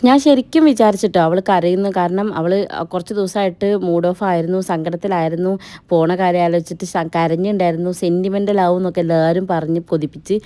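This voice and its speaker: A woman's voice: lowish voice, warm tone, no echo. A young woman, narrating a family wedding vlog in a chatty, teasing voice-over that speaks straight to viewers. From Kerala. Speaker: family vlogger. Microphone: voice-over mic.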